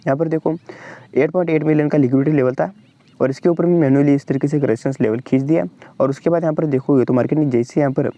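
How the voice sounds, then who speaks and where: A young Indian man with an Indian accent, rapidly walking through a trading chart tutorial and pointing things out again and again. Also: a little high, steady tone, mellow, no room sound, dull audio. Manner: fast, repetitive explainer, keeps pointing at the chart. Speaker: trading channel host. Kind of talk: screen-share trading tutorial.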